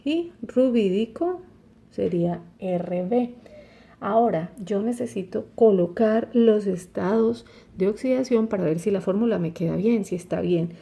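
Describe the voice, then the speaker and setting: A woman's voice: medium pitch, lively intonation, unhurried, vocal fry, dark tone. A woman teaching a chemistry lesson, explaining step by step and often checking with "¿cierto?". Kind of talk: recorded online lesson.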